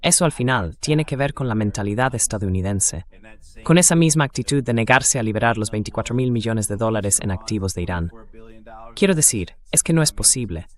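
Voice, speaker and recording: A synthetic AI voice, male and mid-range, reads a translated voice-over of commentary from a political interview. The style is conversational.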